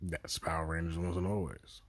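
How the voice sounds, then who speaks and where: Deep-voiced man, casual profane reviewer. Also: normal speed. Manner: loose, profane, rambling with excited bursts. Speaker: podcast reviewer.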